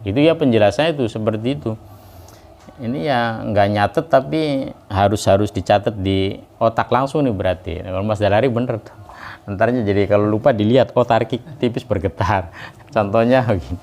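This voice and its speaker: A man teaching Quran recitation to a class, speaking casually between verses and drawing the recited words out slowly. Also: lowish voice, darkish tone. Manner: casual explanations in between, calls the class to repeat.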